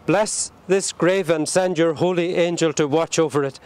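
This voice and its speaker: A man leading a burial service outdoors at a cemetery, reciting the prayers in a solemn, measured way. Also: fairly high pitch, steady tone, a little mellow, clean tone, no room sound. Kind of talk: liturgical graveside prayer.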